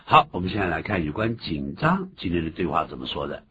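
A man hosting an English lesson, explaining words and pronunciation with lively emphasis. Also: quick pace. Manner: animated explaining, jumps high in pitch for emphasis. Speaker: English teacher host. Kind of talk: bilingual radio English lesson. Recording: dull lo-fi recording with faint hiss.

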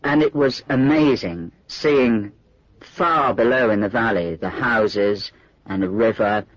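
A steady-voiced ski jumper. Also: male voice, on the low side, slow pace, no echo. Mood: plain. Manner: plain, steady recollection. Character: adult man recalling a ski jump. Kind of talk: scripted listening exercise monologue. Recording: dry muffled studio recording.

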